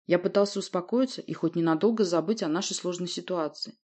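A woman narrates a fantasy novel in a steady storytelling voice. Her pitch sits on the low side. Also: fast. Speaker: audiobook narrator. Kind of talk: scripted narration.

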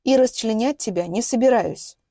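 A woman voicing a calm, quiet retired male hitman who speaks in a low, measured way. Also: no echo, clean studio sound.

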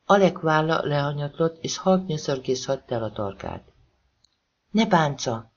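A woman reading a novel aloud as an audiobook narrator, raising her pitch to voice the characters. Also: big pitch swings, lo-fi sound. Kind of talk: scripted narration.

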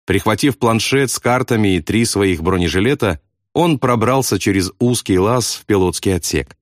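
A man's voice: lowish voice, normal speed, dry recording, clean studio sound. A man reading a novel aloud as audiobook narration, telling it expressively. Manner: expressive storytelling.

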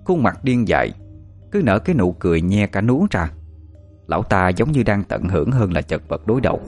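A man narrating a first-person horror story in a steady, tense way. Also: low voice, a little fast, soft background music.

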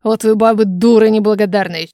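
A woman's voice: medium pitch, fairly quick, clean tone, dry recording, clean studio sound, close to an everyday voice. A woman voicing a sneering, scolding male god of lies in an audiobook. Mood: snide. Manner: snide, scolding.

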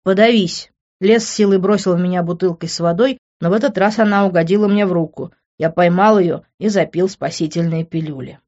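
Audiobook narrator, first-person novel, tense delivery, mid pitch, dull lo-fi recording. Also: a little fast, few pauses, darkish tone. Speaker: audiobook reader.

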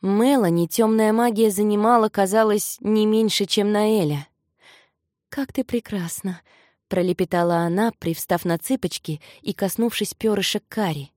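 A woman reading a fantasy novel aloud as an audiobook narrator, in measured, even storytelling. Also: mid-range voice, dry recording, clean studio sound. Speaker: audiobook reader. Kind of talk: scripted narration.

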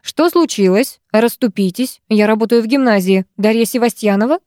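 A woman reading as a calm male teacher. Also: fairly high pitch, moderate pace, no room sound, studio quality, close to an everyday voice. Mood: concerned. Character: composed male teacher taking charge.

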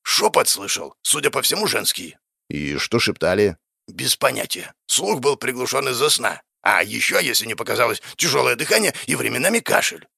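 A man's voice: mid-range voice, big pitch swings, moderate pace, gravelly, pushed and bright, husky, dry recording, studio quality, full character voice. A man doing a crude, bickering spirit of anger. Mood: muttering. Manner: crude, argumentative.

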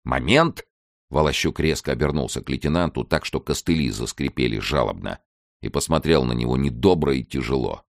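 Very deep, gravelly male narrator. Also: fairly quick, no room sound, studio quality. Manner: lively, rises sharply for shouted dialogue. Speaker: audiobook narrator. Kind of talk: dramatic reading of a novel, voicing all characters.

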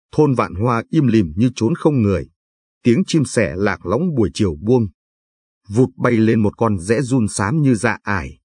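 Husky male audiobook narrator. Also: fairly low pitch, dry recording. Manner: steady, descriptive storytelling. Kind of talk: scripted literary narration. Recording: dry studio read, faint music.

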